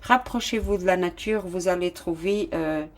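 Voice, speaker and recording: Woman tarot reader with a slightly low voice, chatty and fond, often pausing on fillers. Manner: affectionate, calls listeners "my loves", many fillers. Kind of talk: casual tarot reading.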